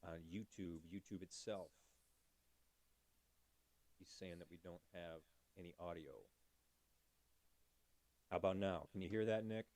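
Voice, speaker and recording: A man's voice: sits low, steady tone, a little slow, pauses often, a little mellow. A man hosting a casual livestream, chatty, thanking viewers by name and talking through fixing his audio. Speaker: livestream host.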